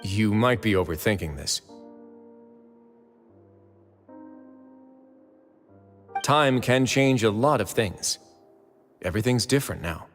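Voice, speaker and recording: Assured authority figure, echoing hall. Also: male voice, lowish voice, lively intonation, faint music behind. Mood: thoughtful. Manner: measured, deliberate, persuasive. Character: calm, assured, authoritative male prison overseer, shrewd and reasonable. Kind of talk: scripted video game voice acting.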